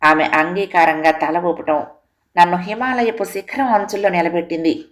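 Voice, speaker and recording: A woman narrating a literary audio story in a steady, composed reading voice. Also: lowish voice, moderate pace.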